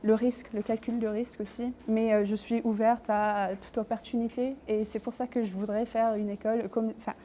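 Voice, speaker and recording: A woman's voice: a little high, flat delivery, fairly quick, hardly any pauses, mellow, a little hiss or hum. A young woman answering questions in an admissions interview, hesitant, with many fillers and self-corrections. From Australia. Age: young adult. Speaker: interview candidate.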